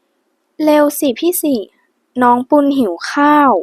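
A woman's voice: high voice, expressive, measured pace, no echo, voice pushed up. A woman voicing a sulky, teasing young heroine in an audiobook, with pouting, bossy demands. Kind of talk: audiobook character voice.

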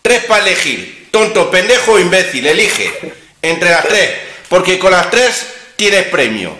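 A man's voice: high voice, very animated, unhurried, sharp tone, echoey room. A man hosting a casual talk over a video call, blunt and scornful, firing off rhetorical questions. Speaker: host. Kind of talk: casual chat.

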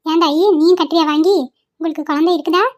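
A woman's voice: very high voice, level tone, fast talker, pitched above the performer's own voice. A woman voicing a kindly old grandmother who sells flowers in a cartoon, with a coaxing, folksy way of talking. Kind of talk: cartoon voice acting.

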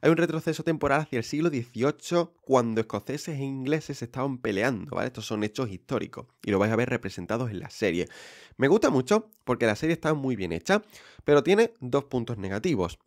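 A man's voice: mid-range voice, lively intonation, brisk. Chatty young man hosting a podcast. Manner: chatty, many restarts and fillers. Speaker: podcast host. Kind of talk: casual podcast monologue.

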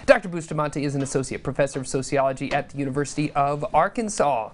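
A woman with a low voice co-hosts a morning TV show. She reads local event listings in an upbeat, chatty way, chiming in with her own comments. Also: fast talker. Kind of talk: scripted local events segment.

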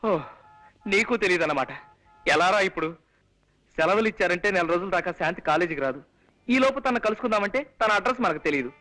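A man's voice: high voice, expressive, quick pace, long pauses, bright, forceful tone, poor audio. An actor playing a lovesick young man who complains in exasperated comic bursts. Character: lovesick young man chasing a college girl.

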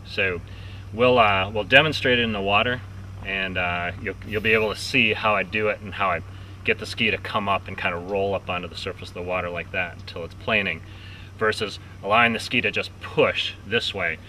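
Standing on a lakeside dock, a man demonstrates a water ski and explains the technique step by step in an outdoor instructional demo. His low voice stays steady, a little fast, with a pushed, bright quality. A distant camera mic picks him up with light outdoor noise.

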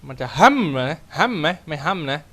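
Young male game streamer, slightly high voice, chatty and crude, yelps at scares; desk mic at home. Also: lively intonation, fairly quick, a bit bright. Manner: chatty, jokey, swears casually, yelps when startled. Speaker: gaming channel host. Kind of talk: let's play commentary.

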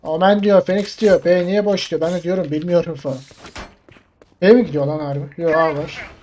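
A young man streaming a shooter game, excitable and swearing as he jokes with his viewers. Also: a little high, brisk, background noise. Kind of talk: gameplay commentary.

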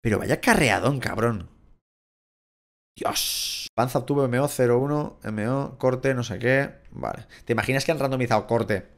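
A young man from Spain with a Spain Spanish accent, giving casual, excitable, crude Let's Play commentary and shouting at the game. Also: medium pitch, moderate pace, vocal fry. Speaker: gaming YouTuber.

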